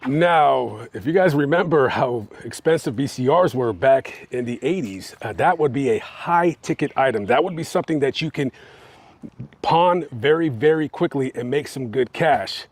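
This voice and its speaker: A man's voice: mid-range voice, animated, normal speed, no room sound. A man hosting a true-crime channel, telling the story on location in a casual, conversational way, with plenty of fillers as he talks to his viewers. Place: on location outside a house.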